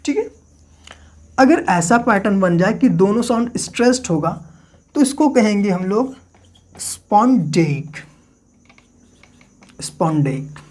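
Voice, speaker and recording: Male literature teacher, lecture delivery; poses questions and answers them himself, repeats key terms slowly for dictation. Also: sits high, big pitch swings, darkish tone. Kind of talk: classroom-style lecture.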